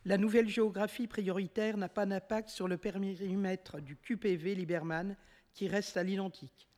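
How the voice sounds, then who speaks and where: A woman councillor presenting a motion at a city council, reading an administrative report in a steady, measured way and now and then correcting herself. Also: medium pitch, big-room sound.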